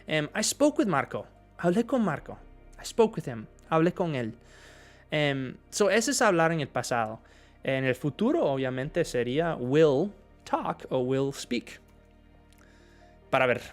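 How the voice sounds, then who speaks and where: Slow, lively young male teacher. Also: a little high. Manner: switches between Spanish and English, greets viewers by name. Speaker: English teacher on a livestream. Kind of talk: live Spanish-language English lesson.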